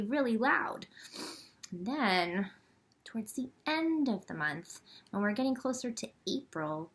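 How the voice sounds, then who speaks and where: At a children's library storytime, a woman reads and chats, keeping her phrases simple and expressive and speaking straight to the young audience. Her voice is mid-range with a breathy edge.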